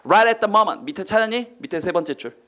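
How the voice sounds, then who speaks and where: A man teaching an online English exam-prep lecture, firing quick questions at his students and acting out reactions with silly voices. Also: sits high, lively intonation, pushed and bright.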